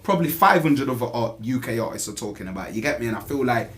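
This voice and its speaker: A man's voice: medium pitch, lively intonation, fast, fairly bright tone. A man with a Nottingham accent, a rapper giving a casual interview in street slang, often tagging his phrases with questions. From Nottingham, England. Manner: repeatedly tags phrases with "you get me" and "innit".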